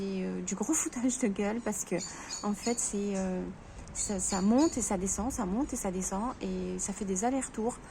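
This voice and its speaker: A woman in a personal vlog, talking to viewers in a halting way, stammering and restarting her sentences. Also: mid-range voice, warm tone, a little hiss or hum. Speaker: vlogger.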